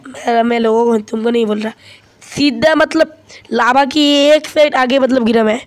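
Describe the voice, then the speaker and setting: A man's voice: very high voice, moderate pace. A young male gamer chatting casually and bantering with a friend while playing. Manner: bantering, excitable when in danger. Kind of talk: casual gameplay chat.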